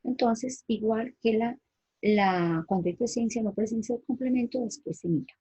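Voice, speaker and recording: A woman teaches a grammar lesson to her class. Her voice is dark and mellow, with a strongly husky, breathy grain. She explains patiently and keeps asking the students whether they follow. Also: a little high, normal speed, no room sound, poor audio. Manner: patient, explanatory, checks understanding with "¿sí?".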